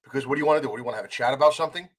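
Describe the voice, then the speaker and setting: A man speaks at a rapid clip, rattling through a story about a confrontation. He talks bluntly and swears freely, in a loose, conversational way. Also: medium pitch. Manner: fast, animated, swearing, retelling a confrontation. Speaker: podcast guest.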